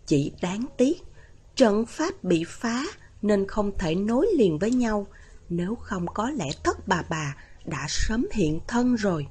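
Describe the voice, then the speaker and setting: A woman voicing a calm, knowing young male exorcist in a storybook reading, explaining patiently. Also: medium pitch, takes it slowly, breathy edge.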